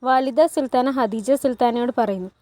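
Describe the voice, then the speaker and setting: Woman narrating drama, mellow and dry. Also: on the high side, normal speed, no echo. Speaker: storyteller retelling a TV series. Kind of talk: storytelling narration with voiced dialogue.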